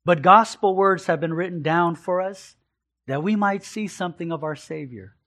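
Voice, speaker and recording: Preaching an expository sermon from the pulpit, this high-voiced male pastor keeps a moderate pace and a fairly bright tone. He speaks with earnest emphasis, frequently repeating phrases to hammer his points home.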